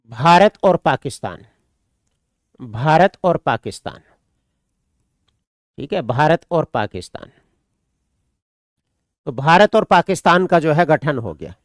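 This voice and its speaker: A man's voice: on the high side, clean tone, no room sound, clean studio sound. A man from India, teaching an online exam-prep class. He repeats points, dictates notes and answers students' questions.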